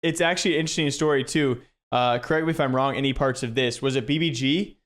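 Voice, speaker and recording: A man's voice: mid-range voice, quick pace, a bit bright. A man from Iowa hosting an interview, asking questions with teasing, exasperated banter. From Iowa, USA. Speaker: interviewer, host. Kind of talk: casual interview.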